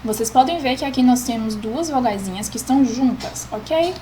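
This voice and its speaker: A woman's voice: on the high side, lively intonation, normal speed, warm tone, a little hiss or hum, rough recording. A woman, patiently explaining a grammar lesson as a teacher and often checking in with the class.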